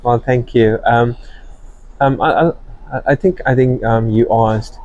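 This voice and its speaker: A man's voice: medium pitch, steady tone, unhurried, a little mellow, no room sound, lo-fi sound. A man from Sri Lanka, speaking earnestly as a guest in an interview, with many fillers and restarts. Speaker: guest, company executive. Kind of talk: interview conversation.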